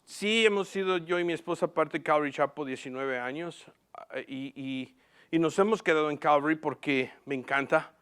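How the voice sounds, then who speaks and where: Male pastor, high voice, lively sermon with questions to the congregation, slips in English words. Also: moderate pace, clean tone. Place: church platform.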